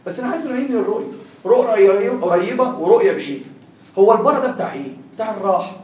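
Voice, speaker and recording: A young man with an Egyptian Arabic accent tutors a class, firing constant questions at his students during a lecture. His high voice is expressive and racing, and the recording sounds echoey and distant, as if captured from far across the room.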